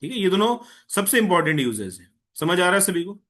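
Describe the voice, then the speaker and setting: A man's voice: high-pitched, sing-song, a bit bright. A man teaching a chemistry class online, mixing Hindi with English and often checking that students follow. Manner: patient, tells an eager student to slow down.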